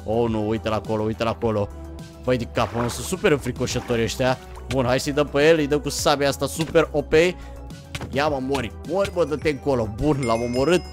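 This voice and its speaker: Over game music, a young male gaming YouTuber with a mid-range voice talks straight to his audience. His excited commentary swings between quiet murmuring and abrupt yelps.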